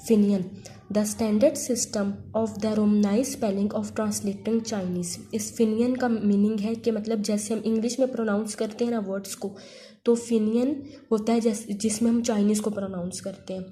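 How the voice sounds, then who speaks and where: Woman teacher going over basics slowly, mellow low-bright voice, faint noise behind. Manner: patient, repeats points and checks in often; mixes Hindi-Urdu with English terms. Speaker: language teacher. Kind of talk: explanatory online lesson.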